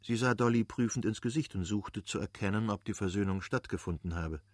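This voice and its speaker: A man reading a classic novel aloud as an audiobook narrator, measured and steady. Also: fairly low pitch, no echo, clean studio sound. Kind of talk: scripted literary narration.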